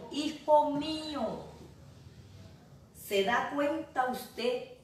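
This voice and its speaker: Woman pastor, earnest sermon delivery, mid-pitched voice, faint background noise. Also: distant mic. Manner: slow, earnest preaching, addressing listeners directly. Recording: very echoey room, voice from off mic, faint noise.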